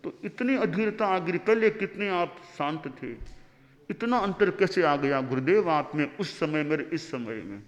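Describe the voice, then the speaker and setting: Man playing a cheeky young disciple, earnest and slow, big echoey hall. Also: on the high side, lively intonation, muffled recording. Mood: teasing. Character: teenage boy disciple, eager and cheeky. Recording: long hall reverb.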